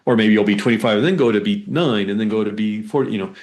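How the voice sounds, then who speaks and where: A hypnotherapist guest speaks in a fairly low voice during a conversational interview. His explanations and anecdotes ramble, marked by frequent halts and repeated words.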